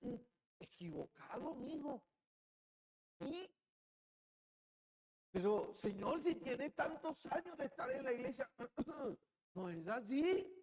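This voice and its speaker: A male pastor with a Colombian Caribbean Spanish accent preaching a sermon, moving from quiet musing to loud, shouted outbursts. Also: very high voice, very animated, slow pace, pauses often, poor audio.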